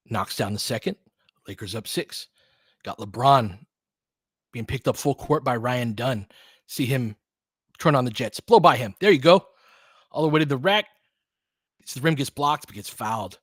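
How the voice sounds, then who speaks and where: Expressive and a little slow, with frequent pauses, this American fan commentator delivers casual basketball play-by-play in clipped, colloquial present-tense bits. His medium-pitched voice is a bit bright and husky, recorded at studio quality with no room sound.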